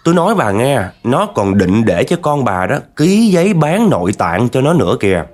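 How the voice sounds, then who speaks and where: A man's voice: medium pitch, big pitch swings, normal speed, darkish tone, pitched above the performer's own voice, close to an everyday voice. A man voicing a stern old female village fortune teller who speaks in a commanding, scolding way.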